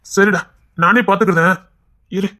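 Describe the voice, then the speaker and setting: An actor voicing a caring, bossy elder brother in a cartoon web series, brisk and insistent, with a Kanyakumari Tamil accent. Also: male voice, sits high, fairly even intonation, sharp tone.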